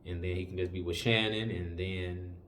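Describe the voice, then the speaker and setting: Male host, low-pitched, lecturing viewers in a relaxed, repetitive way. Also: normal speed, a little hiss or hum. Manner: preachy, conversational, repeats warnings with many fillers. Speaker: commentary channel host. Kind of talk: casual opinion commentary.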